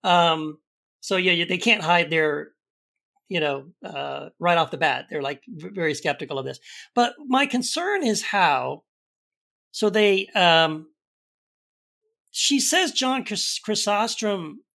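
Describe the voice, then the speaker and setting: A man co-hosting a podcast, giving an emphatic, animated rebuttal to a video clip. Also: high voice, takes it slowly, gravelly. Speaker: podcast co-host.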